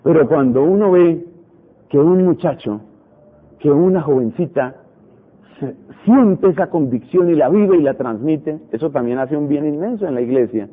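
Priest man preaching fervent sermon, high husky voice, tinny phone-like radio sound. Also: expressive, normal speed. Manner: fervent preaching with dramatic quoted prayers.

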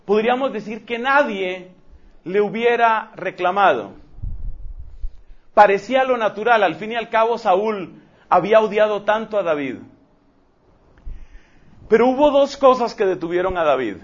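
A man preaching a sermon, telling a story emphatically and rushing through asides. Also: high voice, lively intonation. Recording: dull lo-fi recording.

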